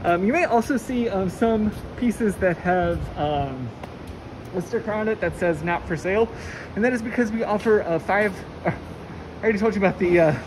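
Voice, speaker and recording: On a casual walk through a large warehouse, a woman gives a chatty, excited tour peppered with fillers. Her voice is mid-range at normal speed, captured by a handheld phone camera as she walks through the noisy space.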